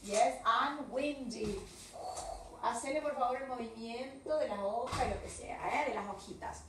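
A woman speaking with a Rioplatense Spanish accent teaches English to children by video, alternating languages, repeating words, encouraging them and frequently checking they follow. She talks slowly and drawn-out in a slightly high voice. The room is echoey, with faint hiss, and she's recorded from afar.

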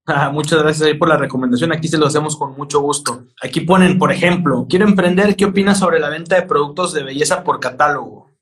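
A man's voice: a little high, fast, a bit bright. A man in his thirties from Mexico hosting an interview over a video call, casual and upbeat as he asks questions. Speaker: host. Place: home room with neon sign. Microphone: webcam on video call.

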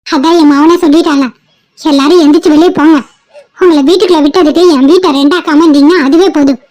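A woman's voice: sits high, steady tone, fast talker, darkish tone, close to an everyday voice. A woman voicing a middle-aged mother in a cartoon family drama, firm and protective of her new daughter-in-law. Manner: firm, pleading, scolding.

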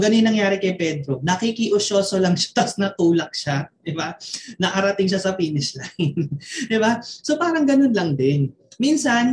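A man's voice: high-pitched, darkish tone, roomy sound, slight background noise. A man with a Filipino accent, a network marketing mentor giving a motivational online training, telling a story and tossing constant tag questions to his listeners.

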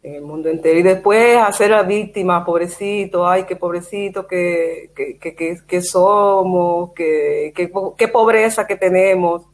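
A woman's voice: fairly low pitch, a little slow, few pauses. A woman from Cuba with a Cuban Spanish accent, a guest telling stories in casual chat over a video call. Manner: animated storytelling, quotes herself.

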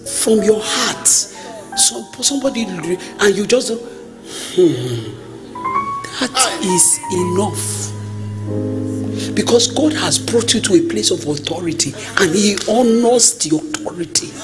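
A woman's voice: medium pitch, a little slow. A woman preaching a storytelling sermon, acting out the people in her stories and sometimes slipping into a sung cadence. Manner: lively storytelling, acts out the people she quotes, drifts into a sung cadence. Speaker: prophetess preaching. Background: music.

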